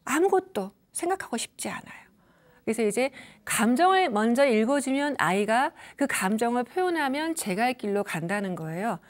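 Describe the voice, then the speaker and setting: Middle-aged woman counselor lecturing, fairly high, very expressive delivery, acts out quoted parents and kids, drops to a whisper for emphasis. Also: moderate pace. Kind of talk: lecture on communication.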